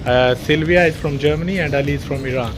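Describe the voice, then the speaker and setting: Pakistani man host, fairly high voice, says "right, right" a lot, music in the lounge. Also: fast. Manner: repeats "right, right" as he listens. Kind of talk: casual interview. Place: restaurant lounge.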